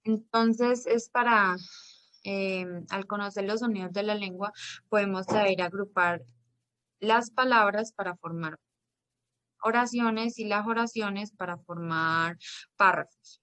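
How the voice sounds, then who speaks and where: A woman's voice: medium pitch, a bit bright, no echo. Woman teacher giving a dry lecture. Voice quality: measured explanatory delivery with small restarts. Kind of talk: classroom lecture.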